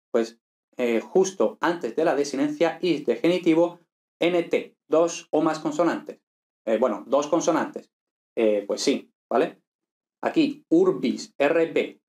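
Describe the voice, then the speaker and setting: A man's voice: a little high, roomy sound. A man giving an online lesson as a teacher, explaining step by step and checking in with his listeners often. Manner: relaxed explaining with frequent "¿vale?" tags. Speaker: Latin teacher.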